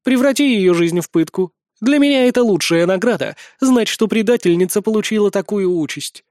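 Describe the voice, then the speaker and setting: A man reading an audiobook, voicing a calm, vengeful female captive who speaks coldly. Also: high voice, moderate pace, no room sound, clean studio sound, pitched above the performer's own voice. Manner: cold, calm.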